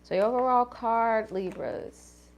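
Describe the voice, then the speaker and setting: A woman with a gravelly, fry-edged voice talks loosely to her viewers in a tarot reading vlog. She is slangy and profane and keeps apologizing as she rambles. A faint hum sits under her voice. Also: a little high, unhurried, muffled recording. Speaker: astrology tarot reader.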